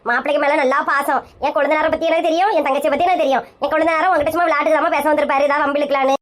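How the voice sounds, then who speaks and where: A woman's voice: sits high, fairly even intonation, very fast. A woman with a Kanyakumari Tamil accent, acting a bossy, scolding elder sister in a comedy sketch. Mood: chatty.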